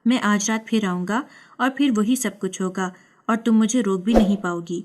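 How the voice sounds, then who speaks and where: A woman's voice: medium pitch, a little mellow, lightly acted. A woman voicing a sinister, taunting male doctor. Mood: menacing. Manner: taunting, cold. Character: sinister predatory male doctor, mocking and menacing.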